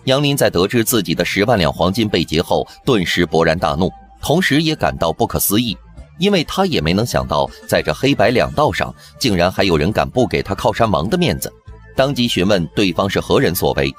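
A man narrating a TV drama recap in brisk scripted storytelling. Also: sits low, sing-song. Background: background music.

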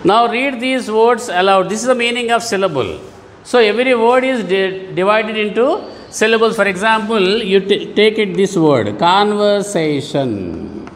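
A man's voice: high voice, normal speed, in a large hall, a little hiss or hum. A man teaching an online lesson to schoolchildren, patiently repeating and rephrasing words. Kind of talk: online classroom lesson for children.

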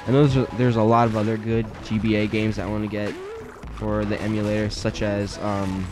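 A man's voice: fairly low pitch, rough recording. Rambling teen boy gaming commentary. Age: teens. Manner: rambling, self-deprecating, many fillers and restarts. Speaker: let's play commentator. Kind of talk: casual gameplay commentary. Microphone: weak mic at close range.

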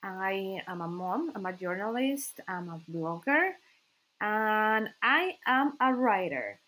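A woman whose native language is Spanish speaks with a Colombian accent, casually introducing herself as a podcast host. Her delivery is hesitant and full of pauses, at a medium pitch with big swings and a sharp tone.

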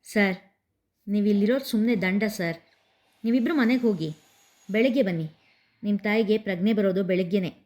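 A woman's voice: mid-range voice, moderate pace, long pauses, a little mellow, natural voice. A woman voicing a polite, firm hospital nurse in a story reading.

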